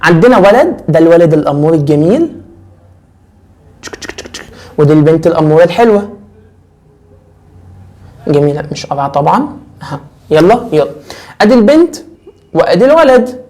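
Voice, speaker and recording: Lively Egyptian man teaching French. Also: fairly high pitch, normal speed, pauses often. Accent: Egyptian Arabic. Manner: lively, repeats words and asks the class questions. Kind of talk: casual classroom lesson.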